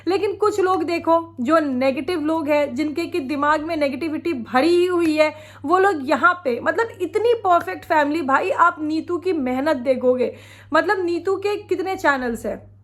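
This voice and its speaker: Laughing frequently, a woman vlogger nursing a sore throat from a cold comments opinionatedly on other creators in a relaxed reaction video. She has a high voice and keeps a moderate pace.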